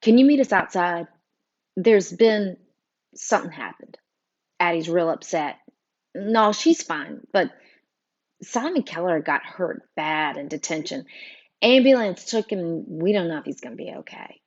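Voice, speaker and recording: Woman doing a steady teenage boy. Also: on the low side, unhurried, lo-fi sound. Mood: tense.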